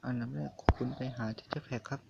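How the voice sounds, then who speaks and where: A young man hosting a casual gaming app tutorial, soft-spoken and hesitant, full of fillers with some mild swearing, recorded quietly on a cheap mic. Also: moderate pace. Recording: quiet lo-fi recording with loud hiss.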